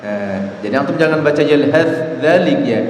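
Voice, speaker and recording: A man teaching Quran recitation to a mosque congregation, quizzing them and chanting example verses slowly. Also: on the high side, expressive, slight background noise. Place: mosque hall. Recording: echoey hall, faint ambience.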